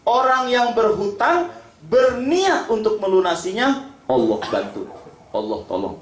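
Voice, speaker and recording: A man preaching a sermon, lively and joking, calling on listeners by name. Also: sits high, measured pace, slight background noise. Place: prayer hall. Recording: echoey hall, faint ambience.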